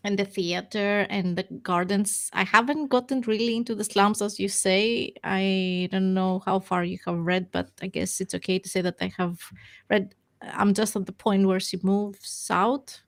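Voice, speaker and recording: A woman's voice: mid-range voice, fairly even intonation, unhurried. A tired woman in a casual book club chat, apologetic and full of fillers.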